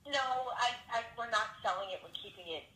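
A woman speaks over a phone line, a homeowner answering a sales call. Her voice sits fairly high and sounds curt as she brushes the caller off. The line comes through roomy and echoey, with a clear hiss of noise behind her. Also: brisk, bright, forceful tone. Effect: heard over a phone line.

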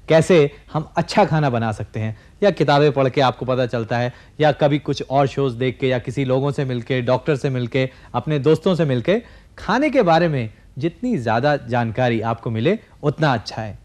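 A man in his forties hosts a TV cooking demonstration from a studio kitchen, explaining each step directly to the viewers. His voice is mid-range and slightly mellow.

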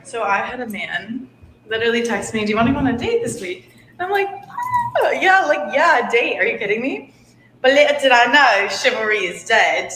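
A woman's voice: a little high, expressive, fairly quick, a bit bright, slight background noise. A woman telling a sarcastic dating story in a social media clip. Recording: echoey, reverberant clip audio.

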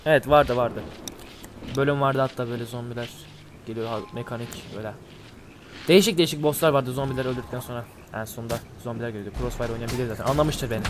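A man with a nasal, blocked-nose voice, casually commenting on a game he is playing, swearing and breaking into excitable outbursts. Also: mid-range voice, fast, slight background noise. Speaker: gameplay commentator. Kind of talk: casual let's-play commentary. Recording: gunfire and game music behind.

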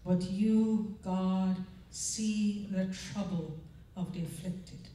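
A woman's voice: medium pitch, steady tone, extremely slow, dark tone, recorded from a distance. Earnest woman speaking in an echoey hall. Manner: earnest, conversational, checks in with the audience. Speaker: chapel speaker. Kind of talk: chapel devotional and prayer. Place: large church auditorium stage. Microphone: handheld microphone. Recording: echoey hall, mic heard from afar.

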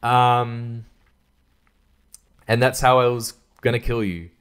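A man's voice: takes it slowly, clean tone. Rambling, laughing man reviewing films. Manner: rambling, profane, laughs often, many fillers; animated, jumps high in pitch for emphasis. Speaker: podcast host reviewing films. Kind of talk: casual monologue film review.

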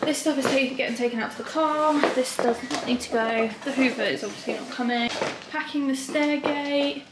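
A woman's voice: sits high, fairly quick, very noisy. A young woman chatting casually through a vlog, upbeat and a little lispy from braces, recorded on a handheld camera. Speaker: vlogger.

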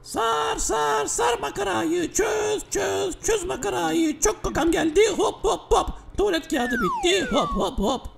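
A man's voice: extremely high pitch, big pitch swings, normal speed, a bit bright, heavily acted. A man giving funny animals and kids a cheeky comic dub voice, mocking and full of exclamations. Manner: mocking, exclaiming, jokey swearing. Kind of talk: comic dubbing of funny videos. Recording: music behind.

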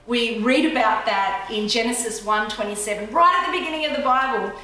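Female co-preacher, earnest scripture reading, higher voice, distant echoey sound. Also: brisk, bright, forceful tone. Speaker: pastor's wife co-preaching. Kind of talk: sermon. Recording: echoey room, voice from far off.

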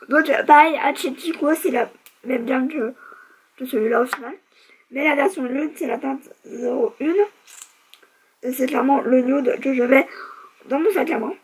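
In poor audio, a young woman vlogger reviews a beauty product, talking casually, teasing herself, and using plenty of fillers. Her voice sits high and sounds slightly rough.

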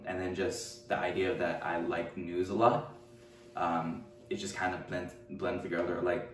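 A man in his twenties from California, answering interview questions at home in a hesitant way, with many fillers and restarts. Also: low voice. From Richmond, California. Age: 20s. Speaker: documentary interviewee. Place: room at home, seated. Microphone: far camera mic. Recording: roomy echo, distant mic, faint hum.

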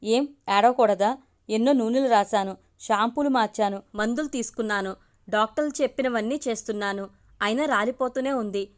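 A woman's voice: a little high, brisk, natural voice. A woman reading the lines of a weepy young unmarried man who is upset about losing his hair, in a pleading way. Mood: despairing.

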